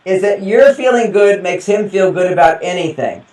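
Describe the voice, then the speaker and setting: A man, a guest relationship expert, who tells animated stories in an interview, often laughing and acting out quotes. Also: high voice, normal speed. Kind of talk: interview storytelling. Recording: roomy echo, distant mic.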